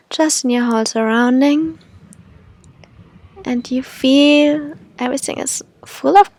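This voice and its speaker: A woman leading a guided meditation in an airy, breathy, soothing manner, like a spiritual healer. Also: sits high, darkish tone, no room sound.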